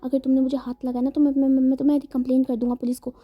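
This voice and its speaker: A woman's voice: high voice, flat delivery, very fast. A woman voicing a timid young man who stammers and repeats words in fear. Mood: stammering fear. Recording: dull lo-fi sound, faint music.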